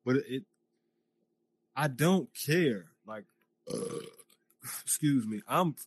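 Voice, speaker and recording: A man from the United States chats casually as a podcast guest, stressing his points and talking loosely with fillers. He speaks through a VR headset mic inside a virtual social space, his voice at an ordinary middle pitch. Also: expressive, slow pace, husky. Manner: emphatic, talks loosely with fillers. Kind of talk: casual chat.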